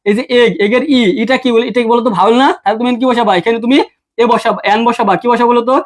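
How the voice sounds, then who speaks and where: In an online exam-prep lesson, a young English tutor with a very high voice for a man moves quickly through grammar, keeping a fairly even intonation. He asks one question over and over, supplies the answer himself, and addresses the student as brother the whole time.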